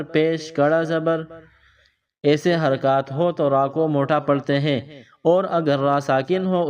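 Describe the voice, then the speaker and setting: A man teaching children to read Quranic letters, explaining each rule and then sounding out syllables slowly and repeating them twice. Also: a little high. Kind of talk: slow spelled-out recitation lesson for kids. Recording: dull lo-fi sound from a distance.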